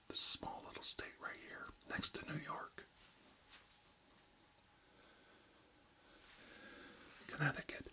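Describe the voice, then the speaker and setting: A man hosting ASMR in a very close, breathy whisper with deliberate phrasing into a binaural microphone. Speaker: ASMR host.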